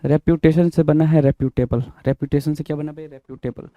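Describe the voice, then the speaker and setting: A man's voice: on the high side, fairly even intonation, a little fast, dry recording, dull audio. A man with an Indian accent teaching vocabulary, repeating each word, spelling it out letter by letter and quizzing the viewer. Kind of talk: vocabulary lesson in Hindi-English mix.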